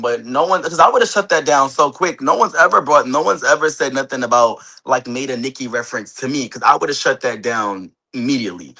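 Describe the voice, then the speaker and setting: A chatty man with a bright, forceful, medium-pitched voice, originally from Queens and Harlem in New York and later Delaware. He's a celebrity stylist and reality show cast member chatting casually as an interview guest, emphatic and prone to repeating himself. He's heard through a phone on a video call.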